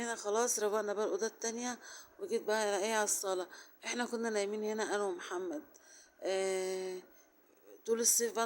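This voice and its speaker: A woman with an Egyptian Arabic accent and a sore, hoarse throat, chatting her way through a casual home vlog. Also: mid-range voice. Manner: chatty, rambling, fond of fillers. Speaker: home vlogger.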